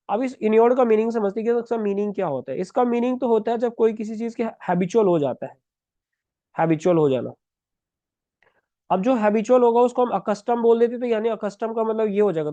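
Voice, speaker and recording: High-voiced man teaching vocabulary. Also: warm tone, no room sound, dull audio. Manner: explains step by step, often asks "है ना", writing words as he talks. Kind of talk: exam-prep vocabulary lesson.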